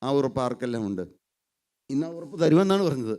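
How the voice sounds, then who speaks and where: A man's voice: mid-range voice, lively intonation, fast talker, a little mellow. A man preaching a sermon, fervent and pleading, repeating his points.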